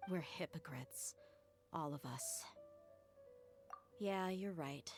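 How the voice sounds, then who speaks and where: An actress voicing a young female desert mercenary who speaks in a calm, reflective, candid way. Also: takes it slowly, over music. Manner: low-key, reflective, calm. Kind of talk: game dialogue.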